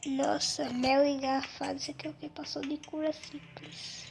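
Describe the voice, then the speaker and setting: A young girl with a Brazilian Portuguese accent hosts a gaming video, casually commenting on her own gameplay while stuffy with a cold. Her high, gravelly voice is flat and at normal speed, buried under loud music in a very noisy recording.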